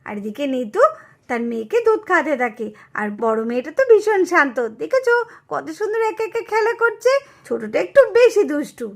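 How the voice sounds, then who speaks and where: A woman narrates a puppet cartoon story for children. Her voice is very high and lively, chatty and inviting. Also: brisk, creaky.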